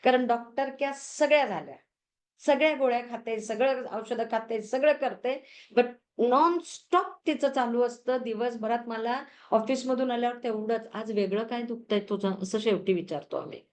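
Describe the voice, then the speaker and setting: A woman with a slightly high voice teaches crystal healing. She chats as she goes, telling stories about clients and mixing English words into her speech. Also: moderate pace, darkish tone. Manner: chatty storytelling, mixes English words. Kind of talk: lesson.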